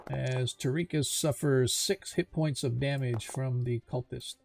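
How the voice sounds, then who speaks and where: A man's voice: mid-range voice, steady tone, measured pace, gravelly, a little mellow, faint music behind. A man casually running an online tabletop roleplaying game as its game master.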